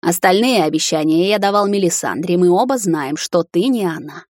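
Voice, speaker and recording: This is a stern, cold male hunter in an audiobook, his words clipped and short, read by a woman in her own lowish voice. The recording is dry and close, with no room sound behind it. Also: moderate pace, darkish tone, no room sound, lightly acted.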